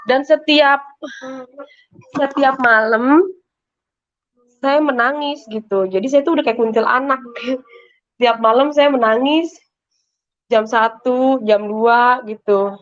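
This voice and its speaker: Woman w slang telling her faith testimony, kinda high voice, emotional and repetitive, muffled audio. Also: slow, pauses often. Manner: emotional, colloquial, repetitive storytelling. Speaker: testimony giver. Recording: muffled lo-fi sound.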